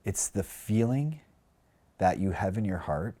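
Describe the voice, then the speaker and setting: A man's voice: lowish voice, lively intonation, a little slow, dark tone. A man talking earnestly and reflectively in a casual conversation, heavy on "like" and "you know.". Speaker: podcast guest, career coach.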